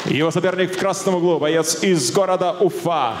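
A man in his thirties working as a ring announcer, giving booming, formal stage introductions with names stretched out long. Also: brisk, crowd noise, background noise. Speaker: ring announcer at an MMA event. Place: indoor cage-fighting arena. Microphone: handheld microphone. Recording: echoey arena public-address sound.

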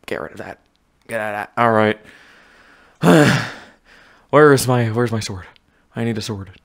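A man's voice: medium pitch, a little slow, creaky. A young man commentating his own VR gameplay, out of breath, narrating every move and muttering to himself. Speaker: gaming YouTuber. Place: home room with desk.

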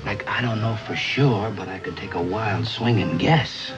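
A middle-aged American actor playing a self-important, laid-back beatnik club owner who jive-talks in rambling hipster slang in a 1950s TV drama. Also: male voice, lowish voice, moderate pace, lightly acted. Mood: confiding. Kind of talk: 1950s television drama acting. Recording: dull vintage TV soundtrack, music behind.

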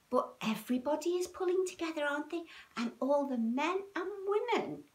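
This high-voiced British woman in her fifties runs a children's storytime and yoga livestream from a small indoor room at home. Her talk is chatty and aimed at kids, lively and sing-song, full of tag questions.

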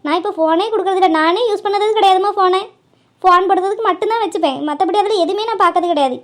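A woman's voice: very high voice, fast. A woman voicing an earnest, protective young mother who lectures her elders.

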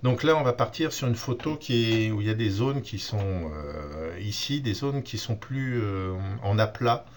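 A man giving a relaxed software tutorial on photo editing, explaining step by step with many fillers and restarts. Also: lowish voice, unhurried, hardly any pauses, a little hiss or hum. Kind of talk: screen-recorded software tutorial.

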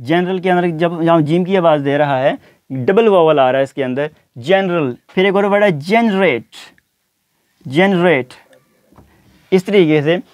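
A man teaching an English lesson, repeating each word slowly and deliberately. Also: on the high side, a little mellow, no echo. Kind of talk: spoken language lesson.

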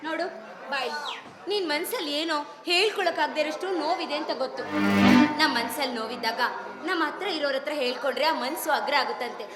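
A woman's voice: sits high, fast, natural voice. A woman playing a caring young sister in a village stage drama, pleading with her brother. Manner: pleading, repeated calls. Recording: roomy stage, music and crowd.

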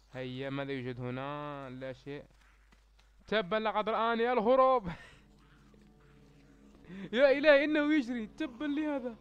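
A young man giving let's-play commentary in formal Standard Arabic, excitable and yelling in panic when zombies attack, with joking asides to his viewers. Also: on the high side, a little hiss or hum. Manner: speaks formal Standard Arabic to reach all Arabs. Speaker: gaming YouTuber.

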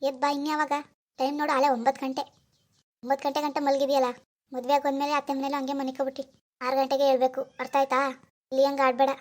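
A woman's voice: high-pitched, little pitch movement, fast, voice pushed down, lightly acted. A woman voicing a middle-aged village mother in a cartoon who pleads, sobs and nags her daughter. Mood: nagging. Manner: pleading and sobbing in the dream, bossy when nagging. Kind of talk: cartoon voice acting.

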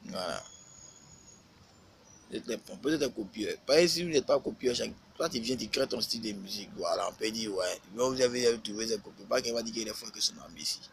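A man's voice: fairly low pitch, fast, vocal fry, a bit bright, slight background noise, rough recording. A man, a rapper talking casually on a live stream, lecturing and scolding with lots of repetition.

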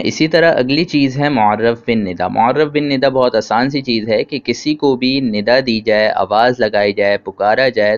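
A man gives a grammar lesson, explaining points patiently and checking with simple questions. His voice sits at an ordinary middle pitch. The recording sounds dull and lo-fi. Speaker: teacher. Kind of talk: grammar lecture.

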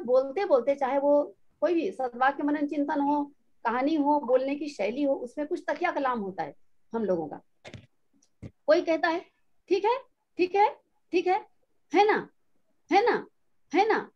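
A middle-aged woman training children's teachers in an online session, explaining slowly and mimicking bad speaking habits. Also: sits high, a little mellow. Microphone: online video call. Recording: dull lo-fi online call audio.

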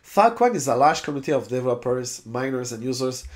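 Animated and quick at medium pitch, a man in his forties reads a website aloud at his desk and talks about it, regularly stumbling and restarting on long words since French is his first language. He's a crypto YouTuber, filmed indoors with a webcam overlay on his screen share.

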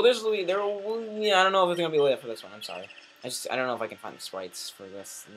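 Rambly gamer dude talking over gameplay, bright voice, goes from mumbly to shouty fast. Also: male voice, mid-range voice, slight background noise. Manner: excitable, swings between mumbling asides and sudden shouts; self-deprecating, rambling. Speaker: let's play gamer. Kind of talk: casual gameplay commentary.

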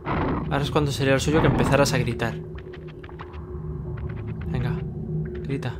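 Impatient young Spanish gamer, swearing. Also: male voice, mid-range voice, fairly even intonation, normal speed, heavy background noise. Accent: Spain Spanish. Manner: impatient, swearing, talks to the game. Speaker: gaming youtuber. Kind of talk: let's play commentary. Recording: loud game music behind.

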